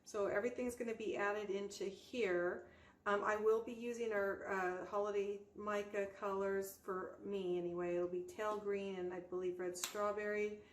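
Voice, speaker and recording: A woman's voice: medium pitch, flat delivery, normal speed. Woman giving a casual craft tutorial, roomy echo. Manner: informal, explaining step by step as she works. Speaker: host of a soap-making tutorial channel. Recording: roomy echo, faint background noise.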